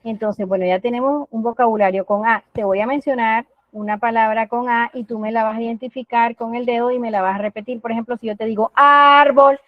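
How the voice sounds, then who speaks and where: A woman's voice: fairly high pitch, steady tone, no echo, dull audio. Woman, speech therapist, patient teacherly explaining, dry close sound. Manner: patient, teacherly, models words slowly for children. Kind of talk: explanatory talk on language therapy.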